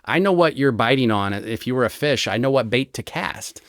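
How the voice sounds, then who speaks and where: A man, a retired American federal agent, explaining his methods in an interview with lively examples and frequent "right?" checks. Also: medium pitch, a little fast, no room sound, studio quality. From United States. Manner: animated storyteller, explains with examples and rhetorical "right?". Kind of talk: conversational explanation.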